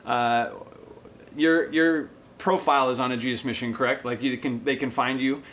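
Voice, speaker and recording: An effusive man hosts a relaxed interview in a family's home. He gushes with enthusiasm and laughs often. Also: medium pitch, normal speed, slight background noise. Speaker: host of a mission organization video. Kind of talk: casual interview. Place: guests' home.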